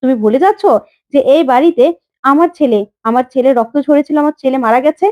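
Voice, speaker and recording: A woman's voice: high voice, quick pace, dark tone, lightly acted. Woman reading as a proud, domineering older woman. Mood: indignant. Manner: indignant, imperious.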